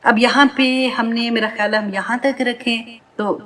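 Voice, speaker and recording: A woman's voice: on the high side, steady tone, fairly bright tone. A woman teaching a scripture commentary class. She reads verses phrase by phrase, translates each piece, and explains them earnestly while asking her listeners direct questions. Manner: addresses listeners directly, often adding tag questions. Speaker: Quran teacher. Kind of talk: Quran commentary lesson to a class.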